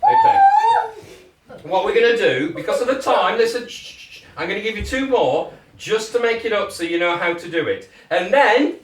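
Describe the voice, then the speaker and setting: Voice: medium pitch, huge pitch swings, moderate pace. A British kids' party magician giving step-by-step instructions to children in encouraging, jokey patter, often checking with short questions. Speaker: children's party magician leading a craft activity. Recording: echoey room, distant microphone.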